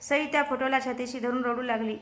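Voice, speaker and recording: A woman storyteller reading a dramatic serial story aloud in a steady, expressive way. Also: high voice, a little fast. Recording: roomy echo.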